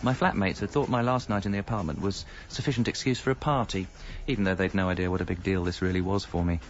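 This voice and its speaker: An actor narrates as the lead, a middle-aged married Briton reflecting wryly and articulately on his double life with self-mocking humour, in radio comedy style. The voice is deep and natural, fairly even in intonation, and fast. Audio is dull and lo-fi, with faint music.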